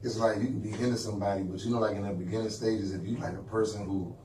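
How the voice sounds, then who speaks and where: A man who is a podcast guest, talking in a laid-back, joking, unhurried way. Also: lowish voice, fairly even intonation, dark tone. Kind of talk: casual chat. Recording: echoey room, distant mic, background noise.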